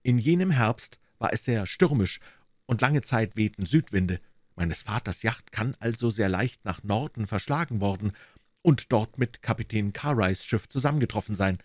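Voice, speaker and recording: A man's voice: lowish voice, lively intonation, normal speed, dry recording, clean studio sound, voice pushed up, close to an everyday voice. A man voicing a nervous young man who explains himself to the police in a storybook reading. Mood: confessing.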